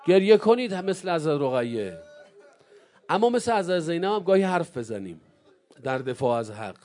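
A male preacher delivering an impassioned mourning sermon, swinging from low murmurs to loud cries. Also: very animated.

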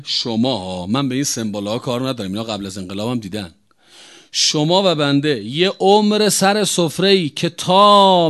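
A man's voice: sits high, a bit bright, smooth. A man delivering a religious sermon, speaking emphatically and addressing listeners as brothers and sisters. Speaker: preacher.

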